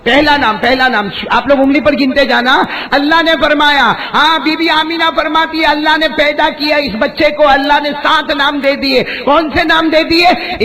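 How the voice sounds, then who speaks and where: High bright-voiced male preacher. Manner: coaxes the audience to respond, repeating prompts; drops to a hushed low voice for storytelling. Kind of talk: devotional sermon with chanted verses.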